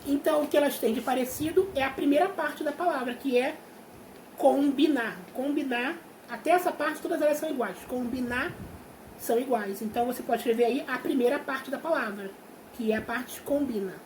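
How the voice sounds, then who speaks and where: A woman primary school teacher with a Brazilian Portuguese accent, explaining a worksheet patiently and drawing out words slowly to show their syllables. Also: high voice. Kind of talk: remote class explanation. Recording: echoey room with faint hiss.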